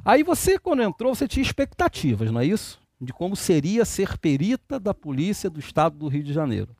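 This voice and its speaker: A man's voice: sits high, sing-song, brisk, a little mellow, slightly rough, dry recording, studio quality. A man hosting an interview, asking long, rambling questions in a friendly way. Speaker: interview host.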